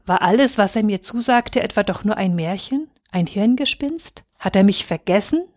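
A woman voicing a small frightened boy who is fearful yet trusting, speaking in a soft, earnest, pleading way. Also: mid-range voice, lively intonation, moderate pace, lightly acted. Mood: despairing.

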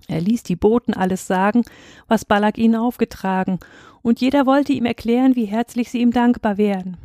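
Lady telling a rhyming bible story, warm mellow voice, dry close sound. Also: fairly high pitch, no room sound.

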